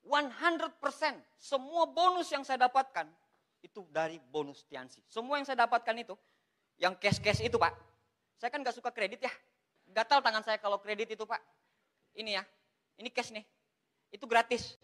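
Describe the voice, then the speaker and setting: A man giving a lively, joking motivational talk, repeatedly addressing his audience as "Pak". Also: very high voice, normal speed, long pauses. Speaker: MLM motivational speaker.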